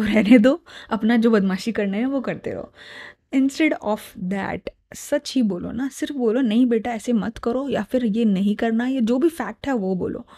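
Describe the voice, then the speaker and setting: A woman's voice: a little high, mellow. A woman in her thirties, a mother giving parenting advice to camera in an earnest, explaining way, switching between Hindi and English, on a clip-on mic. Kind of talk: casual advice talk to camera. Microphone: lavalier mic.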